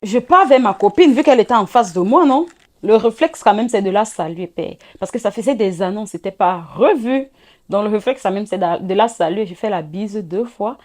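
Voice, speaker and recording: Woman doing a storytime vlog, middle pitch, chatty and animated, laughs a lot, talks right to her viewers. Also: normal speed. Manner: lively, laughing, addresses viewers directly. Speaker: vlogger. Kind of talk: casual storytime chat.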